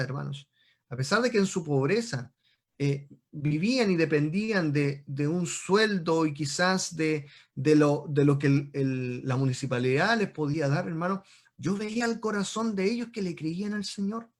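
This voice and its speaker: A man preaching a sermon as pastor, earnest, repeating phrases and often calling his listeners brothers. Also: sits high.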